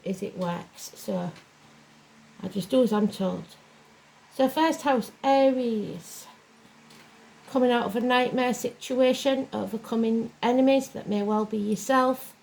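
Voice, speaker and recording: A woman's voice: a little high, unhurried, darkish tone, poor audio. A woman giving an informal horoscope reading in a plain-spoken, rambling way, as host of a zodiac series. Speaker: tarot and astrology reader, host of a weekly zodiac reading. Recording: clear fan noise behind the voice. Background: whirring fan.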